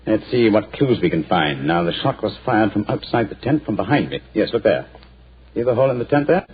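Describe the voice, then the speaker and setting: An actor playing Sherlock Holmes, a brisk, commanding detective, in a 1940s radio play. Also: male voice, lowish voice, big pitch swings. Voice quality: crisp, clipped and authoritative. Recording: muffled old 1940s radio broadcast.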